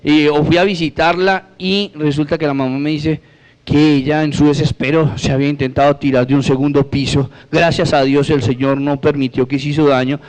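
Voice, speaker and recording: A man shares his religious testimony with an audience in a fairly high voice. He tells it like a lively story, acting out each conversation and keeping it light with humor. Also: a little fast. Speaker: speaker giving a religious testimony.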